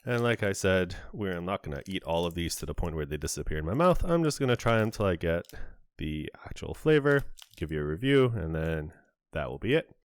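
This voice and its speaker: A man's voice: sits low, big pitch swings, fairly quick, smooth, no room sound. A man hosting a casual on-camera candy review, chatty and describing each flavor in detail with small asides. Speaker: candy reviewer, channel host.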